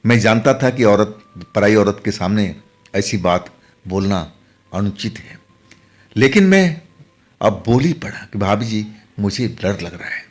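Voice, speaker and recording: Low-voiced man telling a hushed horror story. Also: lively intonation, measured pace. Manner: hushed and dramatic, dropping to whispers. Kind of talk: first-person horror story narration.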